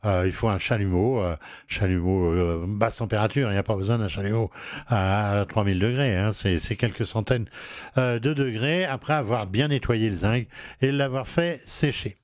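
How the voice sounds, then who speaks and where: A man's voice: lowish voice, normal speed, dry recording, studio quality. Hesitant French-speaking male radio host. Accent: regional French accent. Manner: hesitant, many fillers and restarts. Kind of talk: home advice and interview talk show.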